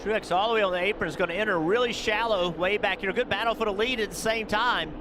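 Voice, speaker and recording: A man comments live on a motor race as an analyst. His pitch is high, and very loud vehicle noise surrounds the voice. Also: fast talker. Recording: loud car noise behind the voice. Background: loud race cars outdoors.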